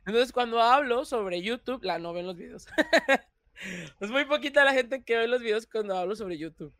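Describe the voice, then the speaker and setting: A young man with a Mexican Spanish accent, talking as a guest in a casual interview, animated and quick to laugh. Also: very high-pitched, no echo, clean studio sound. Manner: animated, laughs often, restarts phrases. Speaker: YouTuber guest.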